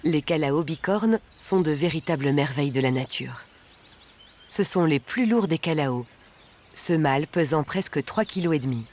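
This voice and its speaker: A narrator reading a scripted nature documentary in a measured, articulate way. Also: mid-range voice, expressive, darkish tone. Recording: background music under the voice. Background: music.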